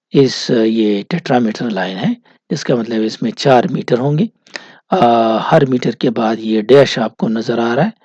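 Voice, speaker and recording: A man giving a recorded literature lecture, explaining slowly with many hesitations. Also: medium pitch, dark tone, husky, dry recording. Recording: dull, dry lo-fi recording.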